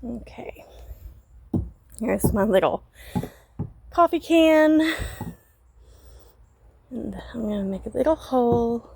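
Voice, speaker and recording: A woman with a slightly high, gravelly-edged voice narrates a casual garden how-to. She breathes heavily and speaks very slowly while working with her hands. The recording is outdoors with faint background noise. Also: lively intonation, darkish tone. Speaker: gardener filming a how-to vlog.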